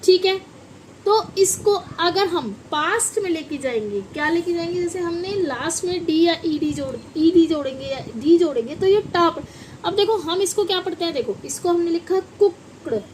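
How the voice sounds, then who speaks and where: A woman's voice: very high-pitched, expressive, moderate pace, a little mellow, a little hiss or hum, poor audio. A woman teaching English pronunciation in a lesson, repeating each word and quizzing her viewers. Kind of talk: classroom-style lesson with repeated examples.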